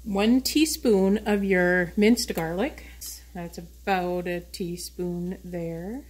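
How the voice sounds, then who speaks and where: A woman's voice: on the low side, fairly even intonation, slow, a little mellow. A woman hosting a casual home cooking video, chatting while she works in her kitchen. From United States. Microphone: camera on a tripod. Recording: noisy home kitchen recording.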